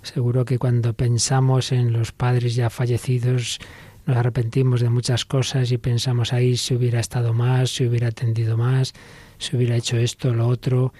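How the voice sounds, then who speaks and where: A man's voice: medium pitch, completely flat delivery, moderate pace, mellow, no echo. A man hosting a radio talk show, reflective and guiding his guest with questions, on a studio mic. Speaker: radio host.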